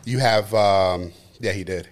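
A man's voice: lowish voice, measured pace, slight background noise. A man co-hosting a podcast in casual chat, teasing the others and laughing at his own jokes. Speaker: podcast co-host.

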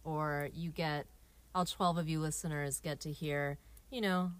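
Lowish-voiced woman podcasting from a closet. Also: fairly even intonation, a little slow, clean tone, dry recording. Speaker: podcast co-host. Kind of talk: casual podcast chat. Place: small closet at home, door slightly open.

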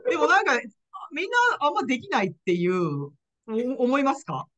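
A woman's voice: high voice, huge pitch swings, brisk, a bit bright. A woman hosting a podcast interview in casual chat, often nodding along with short agreements and laughing. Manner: frequent nodding backchannels and laughter. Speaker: podcast host, ICU nurse.

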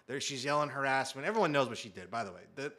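A man in his thirties telling a comic story in a casual chat, animated and acting out quotes, with muttered asides. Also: mid-range voice, very fast. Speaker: guest storyteller.

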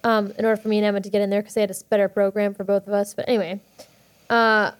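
A young woman chatting as a podcast guest, bubbly and quick, with many fillers and restarts. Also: medium pitch, flat delivery, clear, resonant tone. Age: young adult. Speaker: guest actor. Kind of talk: casual podcast chat.

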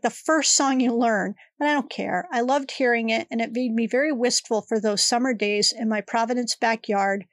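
A middle-aged woman hosts her own podcast in a casual solo monologue, sounding congested as she rambles in a personal, chatty way. Her pitch is fairly high, and the recording is dry with clean studio sound.

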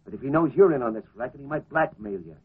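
An actor playing a wary, slangy gangster in 1940s radio style, on a tinny old recording. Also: male voice, medium pitch, expressive, fast, slightly rough. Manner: slangy tough-guy talk.

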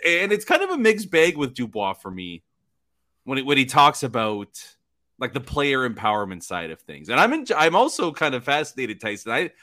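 A man co-hosting a casual sports podcast, teasing and laughing often and restarting his sentences in a halting way. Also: mid-range voice, pushed and bright. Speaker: podcast co-host.

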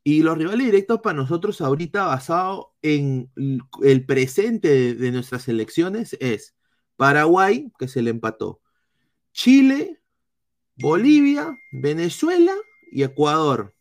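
A man with a Peruvian accent doing live football analysis, reading chat comments in a blunt, swearing style with halting restarts. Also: fairly high pitch, big pitch swings. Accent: Peruvian Spanish. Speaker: football streamer.

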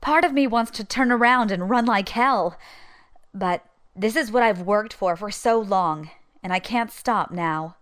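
A woman's voice: mid-range voice, unhurried, natural voice. A woman playing a bold pirate informant. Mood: determined. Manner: wry, determined. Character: bold young woman pirate informant, nervous but determined. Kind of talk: journal narration in audio drama.

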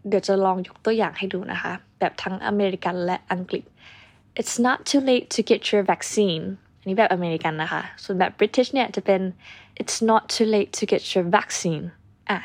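Young female host, casual chatty teacher, mid-pitched, models example lines. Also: steady tone, fast talker, hardly any pauses, a little mellow, slightly rough. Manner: chatty, explains then models English example sentences. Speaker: English teacher, show host. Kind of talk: casual vocabulary lesson.

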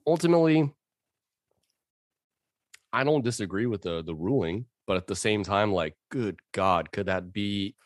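A man's voice: on the low side, lively intonation, a little slow, pauses often, no echo, studio quality. A man co-hosting a casual sports podcast, joking and swearing freely. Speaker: podcast co-host. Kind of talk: casual chat.

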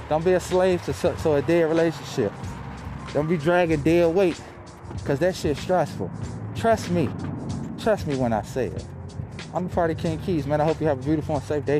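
Guy podcaster talking through a mask, kinda muffled, highish voice, slangy pep talk w/ music behind. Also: brisk. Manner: slightly muffled speech through a face mask; emphatic, repeats phrases. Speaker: podcast host. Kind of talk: casual motivational monologue with slang and swearing. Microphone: close podcast mic, spoken through a mask.

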